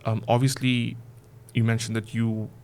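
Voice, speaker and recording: A man's voice: medium pitch, level tone, moderate pace, darkish tone, a little hiss or hum. A man hosting a podcast, asking long, casual questions padded with "you know" and "like". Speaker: podcast host. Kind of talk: podcast interview.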